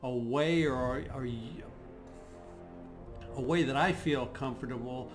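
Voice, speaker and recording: Over video game music, a gaming channel host with a slightly scratchy, medium-pitched voice gives unscripted strategy game commentary at a slow pace. He thinks aloud as he goes, sounding hesitant and clearing his throat.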